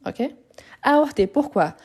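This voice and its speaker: A woman's voice: high voice, lively intonation, measured pace, darkish tone. A woman teaching a live grammar lesson over her phone, explaining patiently, repeating words and correcting herself as she goes. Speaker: French teacher.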